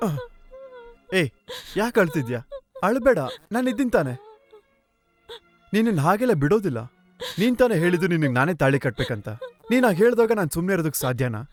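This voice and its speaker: An actor dubbing a resolute young hero in a film. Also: male voice, high voice, sing-song, brisk, long pauses, faint music behind. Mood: reassuring. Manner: resolute, reassuring. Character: defiant young male hero.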